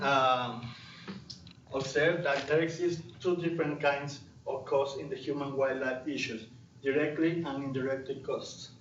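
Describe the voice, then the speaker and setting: A young man from Ecuador with a Latin American Spanish accent presents his research at a conference, hesitating often with fillers and restarts. His voice is medium-pitched, captured by a distant mic in a roomy lecture hall, so the sound is dull with a little hiss or hum.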